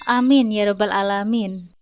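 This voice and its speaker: A woman narrating a scripted story with a gentle, even storytelling delivery. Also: medium pitch, measured pace, dull audio, soft background music.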